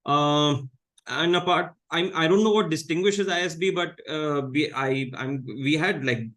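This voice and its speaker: A man in his thirties with an Indian English accent, a guest in a casual interview, talking in a measured, low-key way with many fillers and restarts. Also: a bit bright. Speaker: guest comedian.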